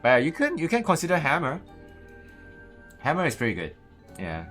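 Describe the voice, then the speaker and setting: A man's voice: a little high, huge pitch swings, moderate pace, a bit bright. A man with a Malaysian accent chatting casually on a gaming livestream, hesitant and often repeating his words. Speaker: game streamer, host. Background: music.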